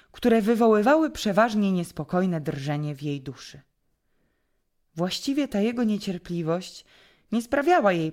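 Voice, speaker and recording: A woman reading a novel aloud as an audiobook narrator, in a calm, even storytelling manner. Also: lowish voice. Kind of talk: scripted narration.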